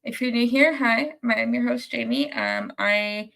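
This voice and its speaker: Her voice fairly high, a little slow, creaky and fairly bright, a young woman hosts a sports fan post-game show while sick. The cold leaves her nasal and congested as she rambles through the casual live stream, a podcast host full of ums and restarts who reads viewer comments.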